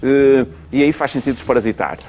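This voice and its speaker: A man with a European Portuguese accent speaks as a pediatrician guest on a talk show. He explains things calmly and steadily, with frequent fillers and restarts. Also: mid-range voice, brisk.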